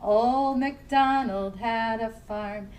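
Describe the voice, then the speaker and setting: Singing nursery rhymes in English and easy Spanish, a woman who works as a children's librarian runs a family storytime and softly coaxes young kids to sing along. Her pitch is slightly high and her delivery slow. The mic is a bit far off, and faint music plays underneath.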